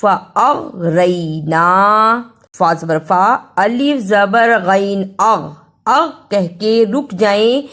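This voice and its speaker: A woman teaching Quran recitation, spelling out words slowly letter by letter and explaining how each sound is made. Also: medium pitch, animated. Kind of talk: tajweed lesson, explaining pronunciation and reciting verses.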